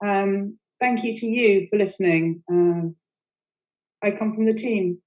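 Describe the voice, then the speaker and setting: A woman leading a poetry programme, giving a casual, halting thank-you speech with fillers. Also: mid-range voice. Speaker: workshop leader and host. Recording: slightly dull lo-fi audio.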